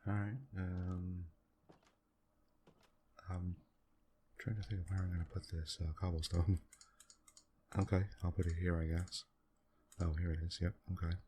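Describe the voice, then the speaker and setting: A man quietly talking through a computer game in a soft-spoken ASMR style, musing aloud at an unhurried pace with many pauses. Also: sits low, slight background noise. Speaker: gaming channel host.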